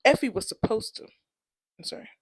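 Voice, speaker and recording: A young woman co-hosting a casual book chat, laughing often and acting out characters' lines. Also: a little fast. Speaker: book podcast co-host.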